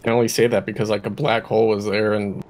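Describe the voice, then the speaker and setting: A man's voice: on the low side, little pitch movement, quick pace, a little mellow, slight background noise. A man chatting casually as a companion on a game stream. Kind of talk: casual chat over gameplay.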